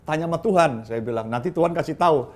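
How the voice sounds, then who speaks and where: A man's voice: fairly high pitch, quick pace, a little mellow. A male pastor giving a conversational sermon, acting out quoted dialogue with his listeners. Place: church livestream.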